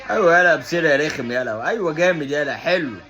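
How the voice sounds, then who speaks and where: Fast, high-spirited Egyptian man cheering. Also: pushed and bright, lo-fi sound. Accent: Egyptian Arabic. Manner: cheering and mocking. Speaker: football fan reacting to a match. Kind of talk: excited match reaction.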